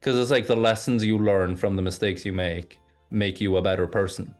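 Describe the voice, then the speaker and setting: Faint music sits behind a man with a lowish, steady, slightly mellow voice and a moderate pace. He is from Oslo, Norway, bilingual in English and Norwegian from childhood, and as a guest in a relaxed interview chat he often repeats words while thinking.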